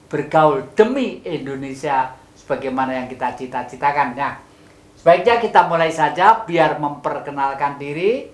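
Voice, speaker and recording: An older man hosting a studio talk show, folksy and philosophizing, teasing his guests. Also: fairly high pitch. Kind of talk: relaxed studio chat.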